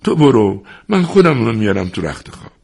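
A man voicing a frail elderly grandfather who pleads gently with a child, speaking in a raised, husky voice. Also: mid-range voice, sing-song, pitched above the performer's own voice, exaggerated voice. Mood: pleading.

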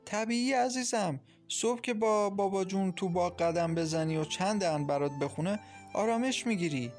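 A man reading an audiobook, voicing a calm, loving young mother who talks softly and teases her sister warmly. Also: high-pitched, faint music behind, voice pushed up. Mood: soothing. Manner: soft, reassuring, teasing. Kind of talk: audiobook character voice.

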